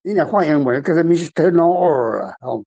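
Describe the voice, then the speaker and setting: With a fairly high, animated, mellow voice touched by vocal fry, an older man with a Taiwanese accent speaks at normal speed as a guest author answering questions. Unscripted, he discusses literature, rambling plainly and emphatically and repeating himself. The highs in the recording are cut off.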